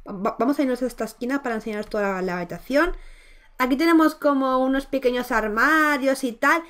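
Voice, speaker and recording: A woman with a high, fairly bright voice hosts a Let's Play, giving chatty, affectionate commentary. She coos over a baby character with lots of exclamations.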